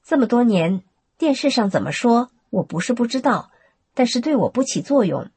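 A woman's voice: a little high, sing-song, moderate pace, darkish tone, breathy edge, dry recording, pitched above the performer's own voice, full character voice. A woman voicing a grateful, recovered young mother in a plain, earnest way within a narrated story.

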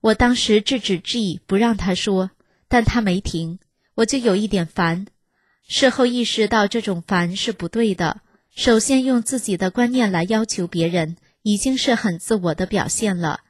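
A woman reads a personal testimony in a steady, measured way, earnest and unhurried. Her voice sits at a middle pitch for a woman. The sound is close and dry, with no room around it. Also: dry recording. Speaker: reader of a first-person testimony. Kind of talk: scripted first-person reading.

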